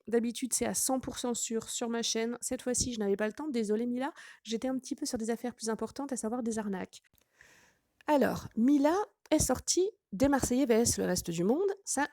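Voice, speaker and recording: A woman with a fairly high voice presents casual gossip commentary as a channel host. She drops in sarcastic, teasing asides as she goes. The sound is dry, with very little room echo. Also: a little mellow.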